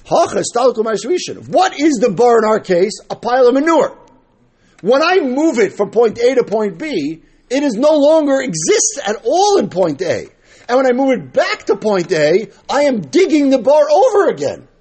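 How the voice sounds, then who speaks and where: A man's voice: extremely high pitch, big pitch swings, normal speed, a little mellow, husky. A man with teaching a Talmud lesson, reading phrases and explaining them as he asks and answers his own questions. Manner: argumentative, asking questions and answering them himself.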